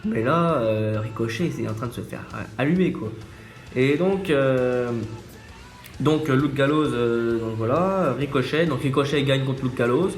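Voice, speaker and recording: A man's voice: medium pitch, unhurried. A man casually recapping a wrestling show, hesitant, with many fillers and restarts, recorded on a phone. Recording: echoey room, faint music.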